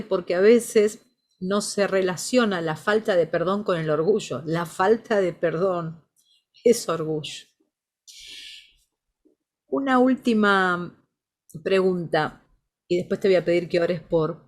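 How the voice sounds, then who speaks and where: A woman's voice: fairly low pitch, darkish tone. A woman interviewing a guest, affirming her answers emphatically and repeating words for stress. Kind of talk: interview questions.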